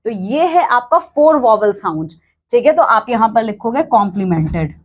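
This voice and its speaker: A woman's voice: a little high, very animated, moderate pace. A woman teaching an English textbook lesson to students, explaining step by step, counting aloud and often checking they follow.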